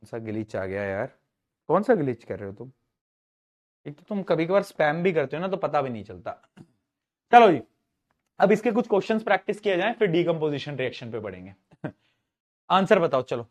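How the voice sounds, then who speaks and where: A man, teaching an online class in a chatty, teasing way and reading questions out slowly. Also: fairly high pitch, sing-song, lo-fi sound. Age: 20s. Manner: chatty, teasing, jokes with students.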